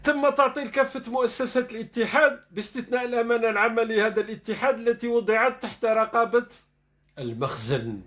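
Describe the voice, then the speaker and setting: High-voiced mocking man. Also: animated, quick pace, fairly bright tone. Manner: mocking, reads quotes aloud then ridicules them. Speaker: online commentator. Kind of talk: sarcastic commentary on news dispatches.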